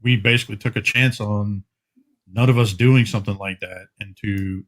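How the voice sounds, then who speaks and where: A man co-hosting a podcast, telling how the show started in a rambling casual way, full of fillers and quick laughs. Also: fairly low pitch, fairly even intonation, a bit bright. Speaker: podcast co-host. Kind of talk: casual chat.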